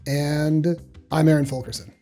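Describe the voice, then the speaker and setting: A man's voice: on the high side, a little slow, soft background music. A man hosting a technology podcast, chatting casually and joking now and then. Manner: relaxed, joking, laughs often. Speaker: podcast host.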